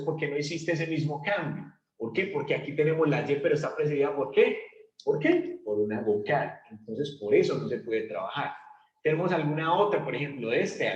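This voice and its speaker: A man teaching an English grammar lesson to Spanish speakers, asking the class questions and drawing out example words slowly. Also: a little high, darkish tone. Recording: echoey room, dull lo-fi sound.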